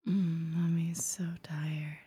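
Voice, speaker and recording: Woman, breathy low whisper, slow soothing ASMR delivery, close and dry. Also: little pitch movement, no room sound. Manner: soft whispering with long murmured hums; soothing, hushing. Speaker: ASMR roleplay performer.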